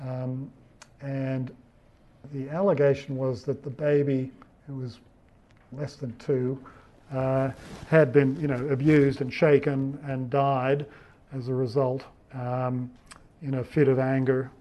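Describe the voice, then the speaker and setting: A man's voice: mid-range voice, level tone, slow, mellow. A middle-aged man tells courtroom stories to lawyers in a loose, anecdotal style, full of fillers and restarts. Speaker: barrister giving advocacy training. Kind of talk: talk to lawyers on expert witnesses.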